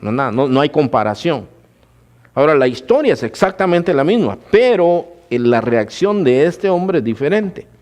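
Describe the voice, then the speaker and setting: Male pastor, fairly high voice, mid-sermon in church, keeps asking his flock questions. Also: sing-song, darkish tone. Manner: addresses the congregation as "hermanos" often, asks rhetorical questions; slows down to stress numbers.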